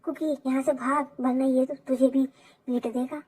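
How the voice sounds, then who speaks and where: A woman's voice: high voice, flat delivery, normal speed, darkish tone, husky, low-quality recording. A woman performing a fan fiction audio story, playing every part herself.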